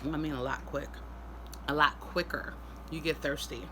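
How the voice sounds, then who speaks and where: A woman speaking casually in a vlog update, sounding weary and drained, in pain after surgery, with halting delivery. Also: low voice, steady tone, background noise. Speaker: vlogger.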